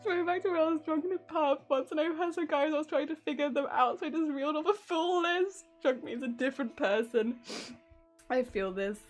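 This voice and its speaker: A woman's voice: high-pitched, fairly quick, soft background music. A young woman with a Hampshire English accent chatting casually on a stream, telling a story and often breaking into laughter. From England. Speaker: cosplay streamer.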